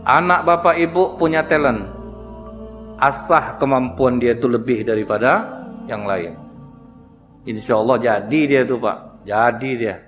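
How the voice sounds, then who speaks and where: A man's voice: mid-range voice, a bit bright. Man, preacher, humorous storytelling sermon, talks straight to the audience, faint music.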